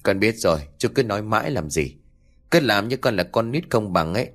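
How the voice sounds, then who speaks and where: A man's voice: on the low side, lively intonation, fairly quick. A man voicing a cheeky young male truck driver who teases and complains. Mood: teasing. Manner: teasing, whiny.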